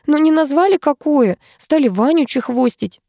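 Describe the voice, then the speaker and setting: A woman voicing a flustered young waitress who is loud and bewildered, drawing out her words. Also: high-pitched, animated, moderate pace, vocal fry, no echo, clean studio sound, voice pushed up.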